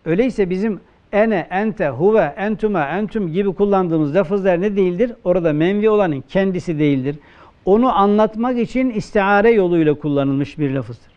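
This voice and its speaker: A man's voice: high-pitched, smooth, highs cut off. Turkish man teaching, asking and answering himself. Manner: asks questions and answers them himself, slow emphatic quoting. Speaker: religious teacher. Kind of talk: classroom lecture on Arabic grammar.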